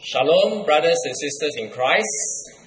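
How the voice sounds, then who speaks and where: Singaporean pastor preaching in an echoey church hall. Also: male voice, a little high, expressive, measured pace, slight background noise. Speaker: guest preacher. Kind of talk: sermon.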